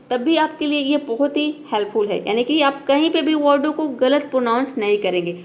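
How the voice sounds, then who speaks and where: High-pitched woman teacher, middle-aged, patient, keeps saying okay as she explains. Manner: patient, repeats "theek hai" often. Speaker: English teacher. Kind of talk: classroom-style lesson.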